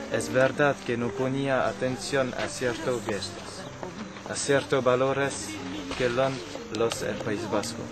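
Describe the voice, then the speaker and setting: A man from the French Basque Country, a native French speaker, reads a prepared personal statement as a testimony narrator. His average-pitched voice is slow and stumbling, halting and restarting mid-word, while loud music plays strongly underneath.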